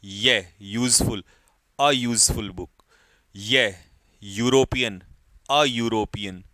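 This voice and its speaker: A man's voice: fairly low pitch, very slow, bright, forceful tone, no echo. A man teaching an English grammar lesson to exam students, calling out examples and quizzing the class.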